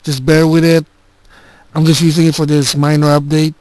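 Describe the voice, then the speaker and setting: Gaming host, male, casual update taped on a console voice recorder like a dictaphone; dry close sound, slightly high pitch, stop-start delivery. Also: level tone, a little mellow, no echo, poor audio. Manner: halting, with frequent restarts and filler words. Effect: recorded on a handheld game console's voice recorder, dictaphone-like. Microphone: handheld game console's built-in recorder.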